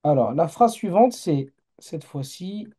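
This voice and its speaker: Very mellow-voiced man teaching a live class. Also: fairly high pitch, expressive, measured pace, breathy edge. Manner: patient, explains step by step, checks in with learners. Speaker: Arabic teacher.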